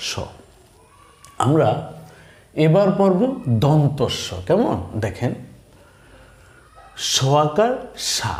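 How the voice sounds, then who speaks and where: A man teaching spelling, reciting letter-vowel combinations slowly and checking in with his students. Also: a little high, creaky, a little mellow, roomy sound. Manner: slow, drawn-out recitation with checking questions. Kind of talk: slow recited lesson.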